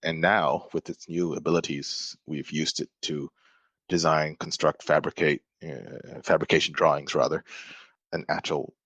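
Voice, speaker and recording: With a bass voice, level tone, and fairly bright, breathy quality, a man from Malaysia talks unhurriedly in a recording with no room sound. A software developer on a podcast, he gives thoughtful explanations in casual interview chat, often beginning sentences again.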